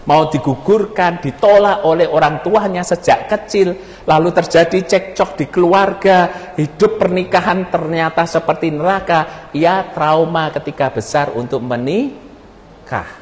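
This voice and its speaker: A male pastor preaching a sermon, telling lively stories with jokes and questions to the congregation. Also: fairly high pitch, measured pace. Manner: animated storytelling with jokes and rhetorical questions. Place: church sanctuary. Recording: echoey church hall.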